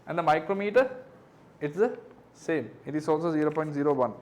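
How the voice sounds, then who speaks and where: A man's voice: fairly high pitch, animated, fairly quick, a little mellow. A male physics tutor reviewing exam questions, working through figures step by step and checking understanding with tag questions.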